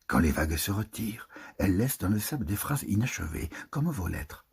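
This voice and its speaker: A man reads literary prose in a slow, hushed, tender way, now and then sinking into a whisper. His voice sits very low, with a gravelly fry and a breathy, husky grain. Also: very animated. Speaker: reader. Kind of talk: intimate literary reading.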